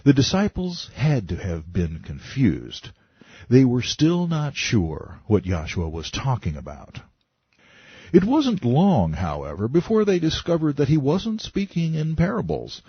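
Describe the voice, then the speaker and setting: A man's voice: medium pitch, wildly swooping pitch, measured pace, slightly rough, no room sound, muffled recording. A man narrating a nonfiction book in a wry, conversational way, asking rhetorical questions. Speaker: audiobook narrator.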